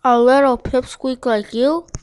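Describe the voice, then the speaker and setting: A woman's voice: high-pitched, steady tone, measured pace, clean tone. A woman voicing a weary old male dog in a storybook, drawling with a sardonic edge. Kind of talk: storybook read-aloud.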